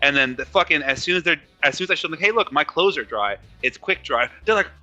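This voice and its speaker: A young man with a very bright, cutting voice rattles through profane anecdotes, jumping up in pitch whenever he imitates someone. He sounds a little higher than most men. The recording is dull and lo-fi, with faint music underneath. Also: lively intonation, fast talker. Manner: profane storytelling, mimics others with raised pitch. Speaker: podcast host. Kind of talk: casual chat.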